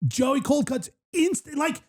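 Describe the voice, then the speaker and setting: A man's voice: extremely high pitch, slow pace. A man hosting a casual podcast chat, telling stories with lots of energy and acting out the voices of other people. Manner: animated storyteller, acts out voices. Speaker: podcast host.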